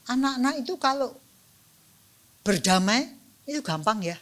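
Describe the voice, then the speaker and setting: A middle-aged woman giving a dharma talk in a bright, lively voice. She speaks playfully, acting out little scenes and asking her listeners questions, in a fairly high register. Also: normal speed. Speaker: dharma teacher.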